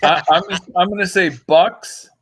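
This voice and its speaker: A man's voice: sits high, steady tone, moderate pace, a bit bright, slightly rough. A man making brief, hesitant remarks in casual sports chat. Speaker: sports talk show regular.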